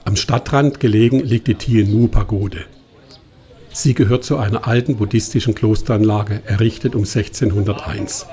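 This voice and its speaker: A man narrating a travel documentary in a calm, measured scripted voice-over. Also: lowish voice.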